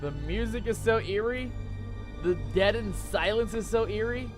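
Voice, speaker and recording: A man's voice: high voice, moderate pace. A man hosting a gaming video, commentating in a playful, theatrical manner with bits of pirate slang. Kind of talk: excited gameplay commentary. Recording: loud game music behind the voice. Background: loud game music.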